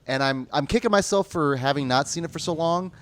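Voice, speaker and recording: A man co-hosting a casual post-screening chat, earnest and quick to laugh. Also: fairly high pitch. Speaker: co-host. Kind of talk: casual post-movie discussion.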